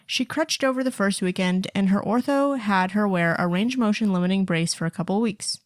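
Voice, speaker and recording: A woman's voice: medium pitch, brisk, no room sound, studio quality. A woman co-hosting a podcast, chatting casually and reading out listener stories, with lots of fillers and laughter. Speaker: podcast co-host.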